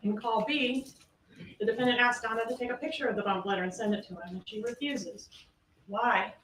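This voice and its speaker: A woman's voice: a little high, steady tone, brisk, fairly bright tone, slight background noise. Woman prosecutor firing rhetorical questions. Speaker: trial prosecutor. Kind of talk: courtroom closing argument. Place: large courtroom. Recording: echoey courtroom audio from far off.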